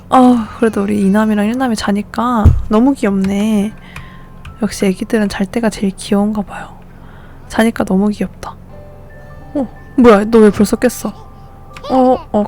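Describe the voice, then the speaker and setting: A woman's voice: mid-range voice, warm tone. A woman streamer giving casual commentary on a life-simulation game, fussing and exclaiming as she coaxes the babies to sleep. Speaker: gameplay streamer.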